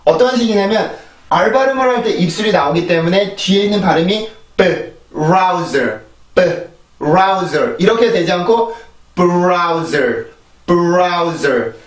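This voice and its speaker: A man's voice: sits high, distant mic. A man teaching English pronunciation, explaining patiently and repeating model words several times over. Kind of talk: pronunciation lesson. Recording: echoey room, voice a bit off-mic.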